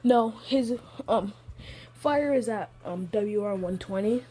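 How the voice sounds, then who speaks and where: A woman's voice: mid-range voice, slow, mellow, slight background noise. A woman casually telling a made-up fan story, giggling often and rambling with fillers.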